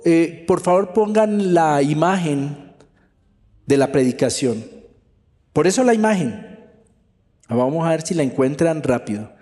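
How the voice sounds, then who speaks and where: A man's voice: fairly high pitch, warm tone, long reverb tail. A male pastor delivering a sermon with emphatic preaching that repeats key phrases for effect.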